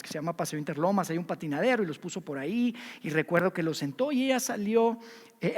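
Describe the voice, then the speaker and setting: A man with a Mexican accent preaching a sermon as pastor, animated and acting out the people he quotes. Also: high voice. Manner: animated, acts out quoted voices. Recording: reverberant hall.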